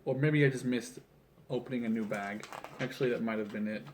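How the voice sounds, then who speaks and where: Seated at a table in a small home room, a video creator from Canada in his early twenties builds a toy model while rambling casually and interrupting himself with jokes. His mid-range, darkish voice moves a little fast, picked up with a little hiss or hum by a tripod camera about a metre or two off.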